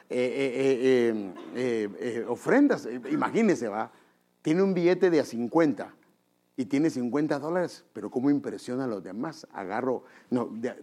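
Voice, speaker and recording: A man preaching in with a slightly husky voice. His pitch swings widely as he talks straight to the congregation, calling them brothers. He acts out little scenes as he goes. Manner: animated, acts out quotes in high voices; conversational, addresses listeners as brother. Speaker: pastor. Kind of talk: preaching a sermon.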